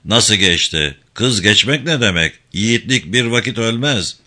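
A man's voice: fairly low pitch, lively intonation, normal speed, sharp tone, exaggerated voice. A man reading a novel aloud, voicing a swaggering old ex-convict who talks with boastful, bullying bluster. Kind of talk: audiobook character reading.

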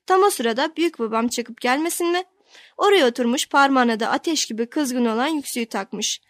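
A woman narrating a novel in the first person, reading with steady storytelling. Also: high voice, brisk, no echo, studio quality. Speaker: audiobook narrator.

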